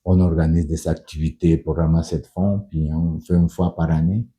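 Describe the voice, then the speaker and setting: A man's voice: extremely low pitch, flat delivery, normal speed, mellow. A middle-aged man who speaks French as a second language, a union leader and pastor telling his story in an earnest documentary interview, with hesitant restarts and repeated words. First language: not French.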